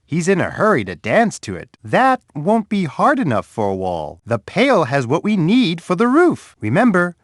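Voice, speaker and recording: A man voicing Bear, a big, friendly bear who guides young children through an edutainment game, talking to them warmly and patiently. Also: a little high, huge pitch swings, normal speed, few pauses, no room sound, clean studio sound. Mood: friendly, coaxing. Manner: warm, patient, talks straight to a young child. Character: big friendly male bear host, gentle and encouraging.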